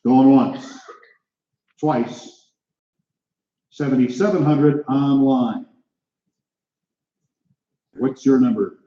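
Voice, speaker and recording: An American male auctioneer runs a live sale in a roomy, reverberant space. He rattles through rising figures in clipped auction patter and keeps calling out for the next bid. His mid-pitched voice comes through a little dull. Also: very slow, pauses often, warm tone. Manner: auctioneer's patter, clipped numbers and repeated calls to bidders. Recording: echoey room, slightly dull sound.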